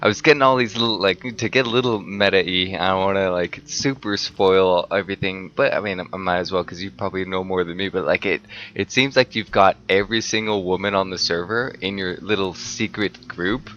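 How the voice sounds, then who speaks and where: Man, low voice, bright edge, laughing, rambling theories, casual stream chat. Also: fairly even intonation, fairly quick, hardly any pauses, dull audio. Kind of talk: out-of-character chat.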